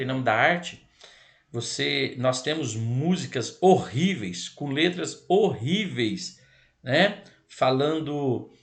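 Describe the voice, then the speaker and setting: Lecturing online about child protection law, this Brazilian man has a mid-range, fairly bright voice, though his throat is scratchy and irritated. He explains things to "pessoal," often repeating and correcting himself.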